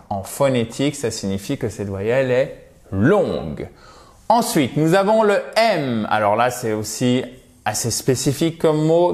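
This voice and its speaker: A man whose first language is French, teaching English pronunciation and slowly repeating each word as a drill. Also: medium pitch. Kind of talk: pronunciation lesson.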